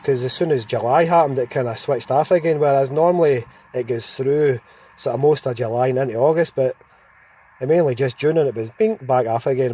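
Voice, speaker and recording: A Scottish man with a soft-edged, mellow voice of middling pitch chats over CB radio. He rambles through his anecdotes with plain enthusiasm. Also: breathy edge.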